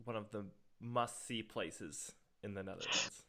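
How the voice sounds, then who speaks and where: A man's voice: fairly low pitch, unhurried, bright, forceful tone. Enthusiastic man hosting a podcast. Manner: enthusiastic, chatty. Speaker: podcast host. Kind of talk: casual podcast chat.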